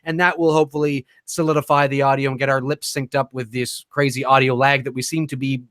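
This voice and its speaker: A man's voice: medium pitch, little pitch movement, fast, fairly bright tone, no echo, studio quality. A man in his late thirties co-hosting a live online chat show over a video call, rambling with lots of fillers and restarts. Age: 30s. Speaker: co-host. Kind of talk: casual live-stream chat.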